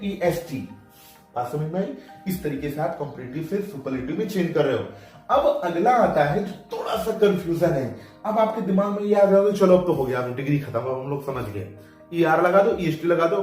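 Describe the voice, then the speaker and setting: A man teaching a grammar lesson at a board, lively and often telling students to pay attention. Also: high-pitched. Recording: very echoey room, voice from far off, faint music.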